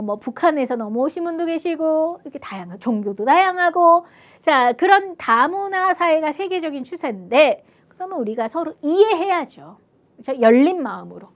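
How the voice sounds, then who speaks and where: High-voiced woman teacher explaining exam answers. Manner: chatty, asks "그쵸?" often, acts out little quoted voices. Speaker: ethics teacher.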